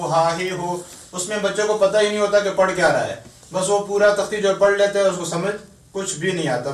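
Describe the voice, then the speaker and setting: High-voiced Quran teacher in echoey room. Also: male voice, fairly bright tone. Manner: patient, drills sounds slowly syllable by syllable. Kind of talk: tajweed lesson for beginners. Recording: echoey room, mic at a distance.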